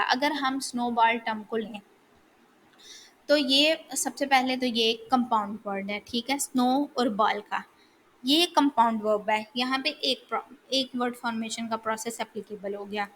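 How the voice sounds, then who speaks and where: A woman's voice: fairly high pitch, fairly bright tone. A woman lecturing on linguistics in a casual, explanatory way, often asking a question and then answering it herself. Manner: explanatory, asks and answers her own questions. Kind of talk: casual lecture in mixed Hindi-Urdu and English. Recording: faint background noise.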